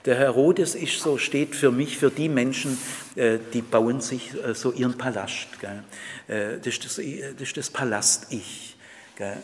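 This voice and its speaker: A man's voice: mid-range voice, measured pace, a little hiss or hum. Man, sermon, "gell"-tagging delivery, big reverberant space. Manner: tags sentences with "gell", shifts from quiet and intimate to loud and emphatic. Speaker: preacher. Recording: long reverb in a large hall.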